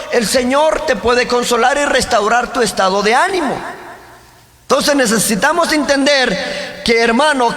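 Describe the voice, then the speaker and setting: A man's voice: extremely high pitch, fairly bright tone, big-room sound. A man preaching a sermon as pastor, asking the congregation questions and driving his points home. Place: church.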